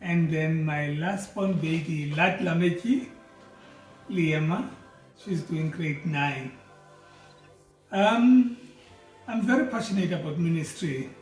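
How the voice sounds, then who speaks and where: Middle-aged South African man, high, earnest and measured, personal introduction, roomy off-mic sound. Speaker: doctor and theology student. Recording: roomy, mic at a distance, faint music.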